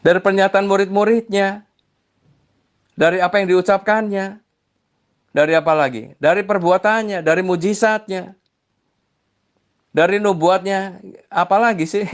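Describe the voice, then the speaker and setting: A man's voice: sits high, fairly even intonation, measured pace, long pauses, clean tone. Chiding man explaining his faith. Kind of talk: religious debate voice notes.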